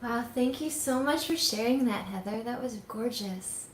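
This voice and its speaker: A woman's voice: on the high side, lively intonation, moderate pace, slight background noise. A woman hosting a casual interview, effusive and thankful. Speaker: host. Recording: roomy echoey sound.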